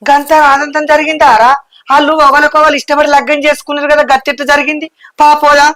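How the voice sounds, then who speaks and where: An actress playing a bossy older village mother-in-law with a Telangana Telugu accent, blunt and quick-tongued. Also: high voice, flat delivery, music in the background, natural voice.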